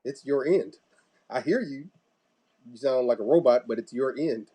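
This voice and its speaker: A man hosting an online church talk show, chatting casually over a video call with relaxed, rambling talk and many fillers. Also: medium pitch, normal speed, slightly rough. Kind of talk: casual live-stream chat.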